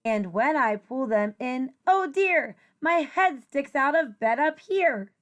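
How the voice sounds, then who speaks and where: A woman teacher with a high-pitched voice reads a rhyming children's picture book aloud. Her delivery is expressive, deliberate, and singsong.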